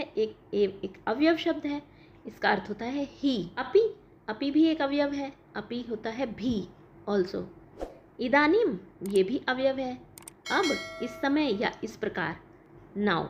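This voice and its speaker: A woman teacher explaining a school lesson, asking questions and answering them herself. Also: on the high side. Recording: dull lo-fi recording with faint noise.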